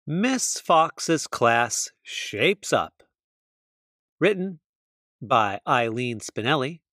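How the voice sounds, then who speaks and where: A man reading a children's picture book aloud, slow and expressive. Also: mid-range voice, dry recording, studio quality. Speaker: storybook reader. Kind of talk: children's read-aloud narration.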